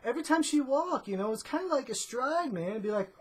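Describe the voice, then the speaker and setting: A high-voiced, animated woman talks fast, with a little hiss or hum on the recording. As a vlogger in a casual comedic piece, she rambles like a laid-back stoner dude, drawling, sprinkling "man" onto phrases and filling silences with "you know" and "uh."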